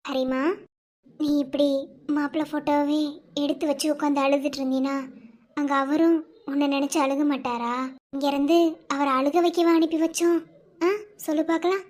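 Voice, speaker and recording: A woman voicing a calm young sister-in-law in a cartoon, talking softly and gently reasoning. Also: high voice, moderate pace, long pauses, natural voice. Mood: gentle.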